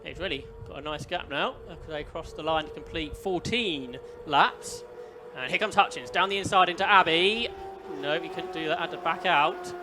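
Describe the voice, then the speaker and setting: Male motorsport commentator, slightly high voice, calling action play by play over music. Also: normal speed. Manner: follows the action play by play, posing questions. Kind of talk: live race commentary.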